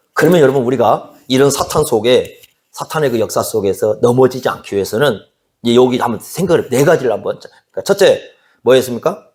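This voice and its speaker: A man's voice: a little high, a little mellow. A man preaching a sermon in a conversational way, often asking the congregation questions and acting out quoted dialogue. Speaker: pastor.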